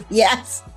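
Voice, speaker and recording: A woman who works as a coach, joining a casual podcast chat, teasing the others and laughing as she asks questions. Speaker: coach, podcast guest host.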